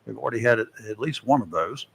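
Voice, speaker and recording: A man's voice: mid-range voice, animated, fast talker, creaky, fairly bright tone, breathy edge. A man hosting a local radio talk show, reading safety tips with folksy, joking asides. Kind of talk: casual radio talk and read-out segment. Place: radio studio.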